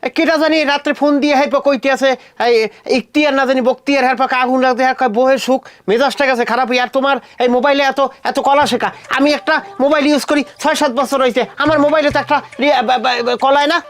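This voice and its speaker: A hot-tempered village husband. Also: male voice, very high voice, fairly even intonation, fairly bright tone. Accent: rural Bangladeshi Bengali. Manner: blustering, quick to threaten. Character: short-tempered middle-aged village husband. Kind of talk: comedy drama acting.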